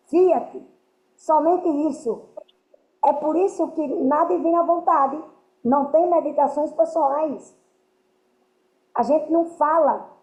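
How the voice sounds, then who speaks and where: A woman's voice: high voice, dark tone. A woman giving earnest spiritual teaching to a group, often checking that her listeners understand. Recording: roomy, dull lo-fi sound.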